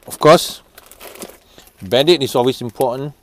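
A man in his thirties giving family road-trip tips in a casual, halting way, with many fillers and restarts, recorded on a lapel mic. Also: mid-range voice, a bit bright. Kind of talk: casual how-to talk. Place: office room, then parked car.

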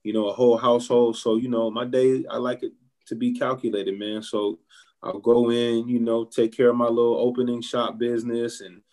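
A man's voice: mid-range voice, moderate pace. A man who owns a barbershop and is from Ohio, talking casually in an interview and giving encouraging advice while calling people "man" a lot. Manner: relaxed, says "man" often, motivational. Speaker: barbershop owner, guest.

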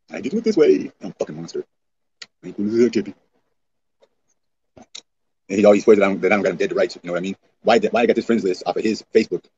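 A man's voice: sits low, a little mellow, muffled recording, slight background noise. A man livestreaming in casual, rambling chat, often profane.

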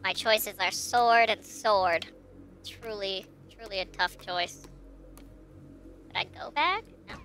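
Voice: medium pitch, takes it slowly, pauses often, bright, forceful tone, a little hiss or hum. A game streamer talking through a voice changer that disguises the real voice, chatting casually and asking chat for input while playing. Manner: chatty, thinks aloud and asks chat for input. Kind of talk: casual live gameplay commentary.

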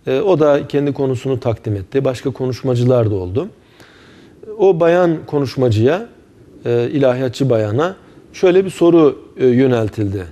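A man teaching Quran commentary in a measured religious lecture, often pausing with hesitation fillers. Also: mid-range voice, warm tone.

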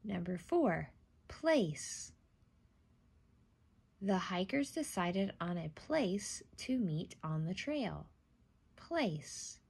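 Female teacher for scripted spelling dictation, careful enunciation, husky and creaky voice. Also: fairly low pitch, lively intonation, darkish tone. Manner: deliberate enunciation, isolating each word and repeating it. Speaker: teacher giving a spelling test.

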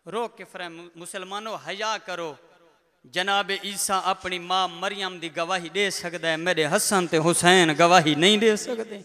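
High, bright man chanting a mournful sermon. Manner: tearful chanting lament. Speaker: religious orator at a mourning gathering. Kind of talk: mournful sermon recitation, sung and wailed. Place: large prayer hall. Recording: long reverb of a large hall.

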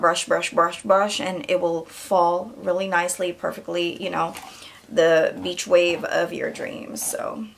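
A young woman vlogging a casual hair tutorial at home on a camera mic, chatty and calling her viewers "you guys". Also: medium pitch. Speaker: beauty vlogger.

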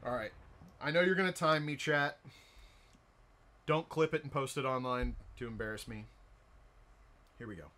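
A man's voice: medium pitch, moderate pace, pauses often, pushed and bright. An American man chatting casually on a livestream, rowdy and jokey, swearing freely. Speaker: live streamer. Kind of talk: casual, profane livestream chat.

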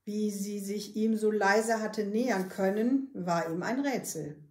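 A woman, a librarian, reading a children's book aloud with calm, steady storytelling. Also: medium pitch, a little slow, echoey room.

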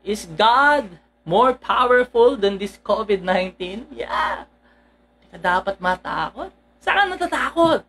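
A woman preacher with a Filipino accent giving an animated sermon, moving between Tagalog and English and often asking her listeners direct questions. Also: medium pitch, measured pace. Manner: animated, mixes Tagalog and English, acts out quoted speech; asks the congregation direct questions.

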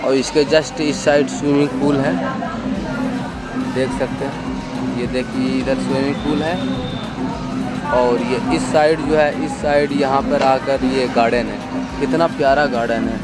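A young man with a Bihari Hindi accent, excitedly giving a walk-around tour in a casual vlog, filmed outdoors on a phone at arm's length. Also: mid-range voice, measured pace, pauses often. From Bihar, India. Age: young adult. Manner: excited tour-guide talk, keeps pointing things out. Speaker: travel vlogger. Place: outdoor hotel pool and garden. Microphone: phone at arm's length with clip-on mic. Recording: outdoor clip with loud crowd and music. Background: loud crowd and music.

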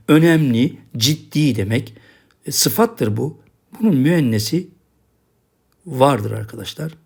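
In a recorded language lesson, a male Arabic teacher with a medium-pitched, gravelly voice and a breathy edge works patiently through each word, running the same checks again and again.

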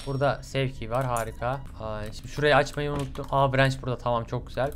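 A young man commentating his own horror game playthrough, swearing often, bursting into yells and slipping into English curses. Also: medium pitch, quick pace, background noise. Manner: excitable, swears a lot, sudden yelling outbursts. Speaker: gaming channel host. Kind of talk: let's play commentary.

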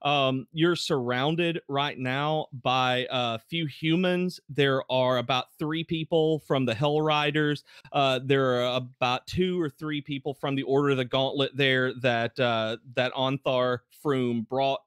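A man's voice: mid-range voice, steady tone, a little slow, hardly any pauses, fairly bright tone, clean tone, dry recording, studio quality. Casual man running a tabletop game. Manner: casual, with frequent fillers and restarts. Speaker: game master.

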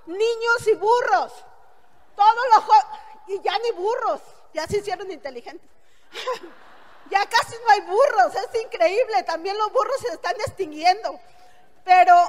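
Blunt, very high-voiced Mexican woman. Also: big-room sound. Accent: Mexican Spanish. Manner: blunt, earthy, joking storyteller. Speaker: motivational speaker. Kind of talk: testimonial speech to an audience.

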